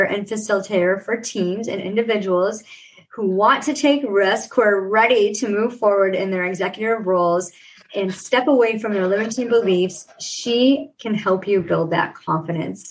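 A woman's voice: medium pitch, poor audio. A woman hosting a podcast, introducing her guest with effusive praise. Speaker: podcast host.

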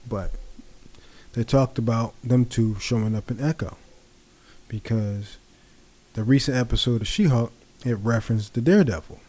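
A man giving casual, rambling commentary as a vlogger, talking in a relaxed way with many fillers. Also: medium pitch, moderate pace. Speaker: pop culture vlogger.

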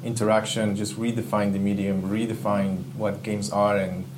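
A man's voice: on the low side, moderate pace. A man from Ecuador, talking as an interview guest, enthusiastic and reflective as he searches for words. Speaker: guest, game UI/UX artist. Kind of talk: casual interview chat. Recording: steady background hum.

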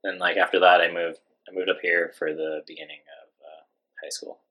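A man from Hawaii being interviewed, talking in a relaxed, rambling way with lots of fillers. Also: sits low, brisk, poor audio. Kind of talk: casual interview conversation.

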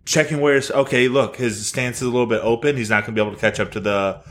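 A man's voice: medium pitch, fairly even intonation, quick pace, fairly bright tone. A man co-hosting a podcast, giving thoughtful, detailed explanations in casual sports chat. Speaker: podcast co-host.

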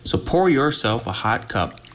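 A man reading a scripted podcast introduction in a friendly, smooth way. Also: mid-range voice, big pitch swings, unhurried, a bit bright, slight background noise. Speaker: show announcer.

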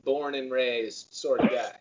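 A man's voice: medium pitch, steady tone, unhurried. A man co-hosting a podcast, chatting casually in a rambling way with dry jokes and laughs, from Vermont. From Vermont, USA. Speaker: podcast co-host. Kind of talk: casual chat. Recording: dull lo-fi sound.

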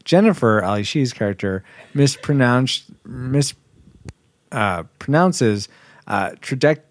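A man's voice: mid-range voice, animated, takes it slowly. A man hosting a casual movie discussion, chatty and full of restarts. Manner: chatty, many restarts and fillers.

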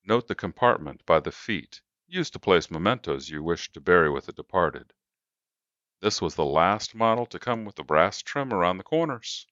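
A man's voice: deep voice, expressive, moderate pace, fairly bright tone, no echo, highs cut off. A man doing a pushy coffin salesman. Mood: salesy. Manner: brash salesman patter. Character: pushy smooth-talking male coffin salesman.

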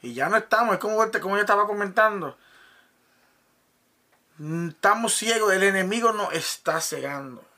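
A man's voice: high voice, lively intonation, normal speed, pauses often, pushed and bright. A man giving an earnest church testimony, often restarting his sentences. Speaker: church member sharing testimony. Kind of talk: conversational testimony.

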